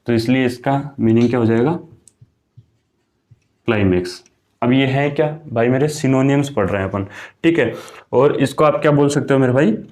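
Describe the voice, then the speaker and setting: A man's voice: medium pitch, normal speed, pauses often, darkish tone. A young man teaching an exam-prep vocabulary lesson in a chatty, casual way, often calling his students brother. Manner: chatty, keeps saying "my brother" and "okay".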